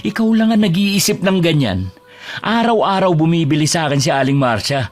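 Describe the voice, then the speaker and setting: An actor playing a tired fish-vendor husband, respectful with customers and exasperated at home. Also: male voice, a little high, very animated, brisk, faint music behind. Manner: respectful with elders, exasperated with wife.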